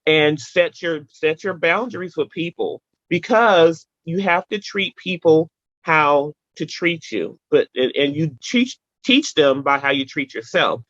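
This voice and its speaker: A woman guest in a casual interview, telling animated stories with emphatic repetition and playful sound effects. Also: low-pitched, measured pace, no room sound, highs cut off.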